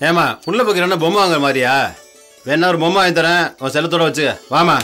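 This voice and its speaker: A patient police chief. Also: male voice, on the high side, quick pace, soft background music. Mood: coaxing. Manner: patient, coaxing, gently teasing. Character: calm, teasing senior police chief.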